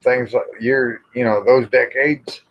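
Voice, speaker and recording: The host of this rambling, casual livestream is an American man, middle-aged or older, with an unhurried, mid-range voice and fairly even intonation. His talk is folksy and plain, with some mild swearing. The audio comes across as dull and lo-fi.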